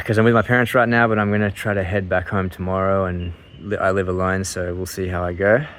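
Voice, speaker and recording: Very deep-voiced man, casual and rambling. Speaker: vlogger sharing surgery recovery update.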